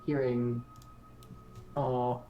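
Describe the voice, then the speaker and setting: A man's voice: medium pitch, flat delivery, very slow, lo-fi sound, faint music behind. A man playing in a tabletop game, making short dry remarks. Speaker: player. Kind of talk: casual tabletop play.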